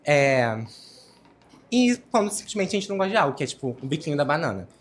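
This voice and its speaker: Woman, low voice, class discussion, casual, thoughtful. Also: sing-song, quick pace. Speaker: student.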